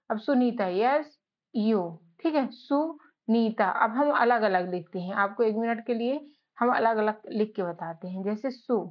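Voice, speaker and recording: A woman's voice: sits high, lo-fi sound. A woman teaching beginners English, patiently spelling letters out and often checking that her students follow. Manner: patient, repeats and checks with "ठीक है?"; spells letters out slowly, one by one.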